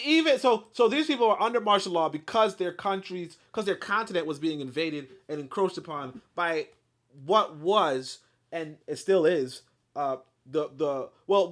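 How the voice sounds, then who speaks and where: This fairly high-pitched man alternates between reading a history book aloud and launching into excited, frank asides packed with curses and verbal fillers.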